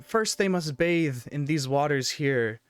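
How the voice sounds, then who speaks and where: A man's voice: fairly high pitch, lively intonation, unhurried, clear, resonant tone, no echo. A serene priestess of a serpent cult, played by a man, speaking in a raised, soothing voice. The manner is formal and evasive, in a tabletop fantasy game with music underneath. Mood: reassuring, evasive.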